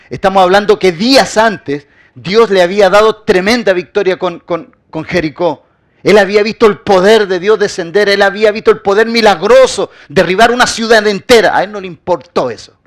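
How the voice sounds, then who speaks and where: Preaching as a pastor, this high-pitched man moves fairly quickly, stacking rhetorical questions and emphatic repetition to build his argument. His phrases frequently fade down to quiet at the end.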